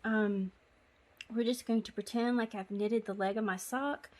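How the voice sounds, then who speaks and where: A woman's voice: a little high, steady tone, measured pace, darkish tone. Chatty woman teaching sock knitting. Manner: chatty and apologetic, with frequent ums. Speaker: knitting tutorial host. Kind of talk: casual step-by-step knitting tutorial. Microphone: phone.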